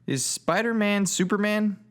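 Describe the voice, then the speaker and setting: A man's voice: high-pitched, measured pace, noisy background. A man narrating a comedic video game critique in a sarcastic, mocking way.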